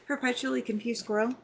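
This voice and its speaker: A woman hosting a relaxed late-night livestream, chatting casually, greeting viewers by name and laughing often. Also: a little high, vocal fry, slight background noise. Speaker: livestream host.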